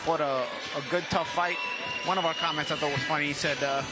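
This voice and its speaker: A man giving casual, halting, loosely rambling boxing commentary. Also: a little high, fairly even intonation, loud music behind the voice, rough recording. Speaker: boxing analyst.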